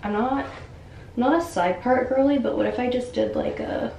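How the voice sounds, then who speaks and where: This young vlogger chats to the camera at home, relaxed and filler-heavy, as she styles her hair and begins cooking dinner. Her voice is on the high side and creaky, at a normal speed. The bathroom and kitchen echo, and faint background noise reaches the camera mic, held at arm's length or on a stand.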